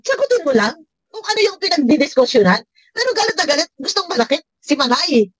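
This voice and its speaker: Woman reaction vlogger, high voice, sarcastic, laughs between jabs. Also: very animated, fast. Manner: scolding, sarcastic, laughs often. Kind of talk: reaction commentary.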